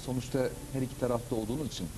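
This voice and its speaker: A man in his thirties hosting a studio TV interview on a lapel mic, asking quick, rambling questions and often agreeing with fillers. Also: mid-range voice, steady tone, noisy background. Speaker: TV show host.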